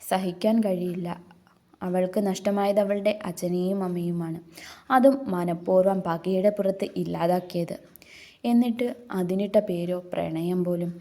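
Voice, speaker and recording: A woman narrating a love story in a steady, earnest reading style. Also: lowish voice, unhurried.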